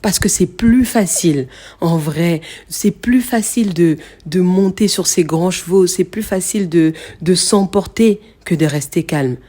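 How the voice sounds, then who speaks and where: A woman's voice: fairly low pitch, a little slow, dark tone. A young woman hosting a podcast, talking straight to the listener in a casual motivational monologue, with many fillers and repeated words. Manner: speaks directly to the listener, frequent fillers and repetitions. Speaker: podcast host.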